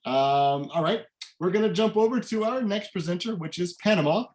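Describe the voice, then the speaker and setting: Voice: mid-range voice, animated, moderate pace, darkish tone. A host running a virtual adoption event on a video call, upbeat and talking straight to viewers as guys. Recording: echoey room on video call.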